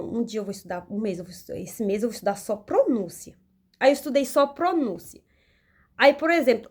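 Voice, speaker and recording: Chatty Brazilian woman vlogging. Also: fairly high pitch. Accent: Brazilian Portuguese. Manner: chatty, many restarts and fillers, addresses viewers as "gente". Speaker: language-learning vlogger. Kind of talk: casual vlog to camera.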